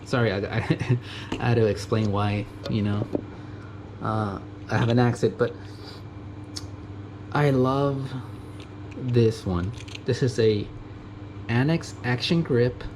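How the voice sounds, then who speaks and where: A man with a mid-range voice speaks slowly with long pauses, rambling through a casual show-and-tell about tools in a Japanese junkyard. US-born to a Mexican family, the vlogger uses many fillers, self-corrects, and chuckles. The GoPro mic yields noisy camera audio with an air-conditioning hum.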